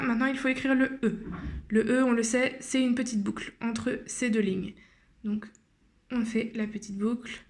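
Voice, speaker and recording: A woman teacher guiding young children through cursive handwriting step by step, slowly and patiently, with frequent hesitations. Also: fairly high pitch. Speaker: primary school teacher.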